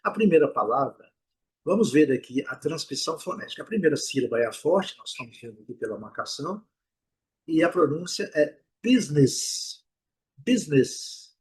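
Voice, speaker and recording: A Brazilian man teaching English pronunciation in an online lesson, explaining patiently and repeating each word slowly to drill it. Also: fairly high pitch, lively intonation, breathy edge, rough recording. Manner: drills words by slow repetition; explanatory, with rhetorical check-ins.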